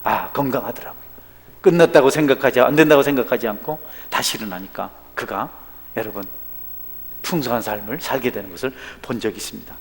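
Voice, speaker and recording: A male pastor, preaching a sermon in a church with big swings in loudness. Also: mid-range voice, fairly quick. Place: church sanctuary. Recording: long hall reverb.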